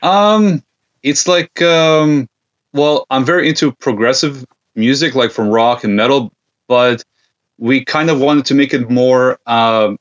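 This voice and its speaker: Man, relaxed interview guest. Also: medium pitch, measured pace. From Serbia. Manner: easygoing, many fillers and hesitations. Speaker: guest, gear company founder. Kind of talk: casual interview chat. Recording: dull lo-fi sound.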